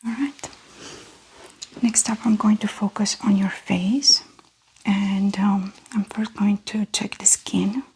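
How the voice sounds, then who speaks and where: Brief: young woman, very breathy soft whisper, slow unhurried delivery, calm clinical ASMR doctor roleplay. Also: medium pitch. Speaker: ASMR performer playing an examining doctor. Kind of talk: ASMR medical exam roleplay.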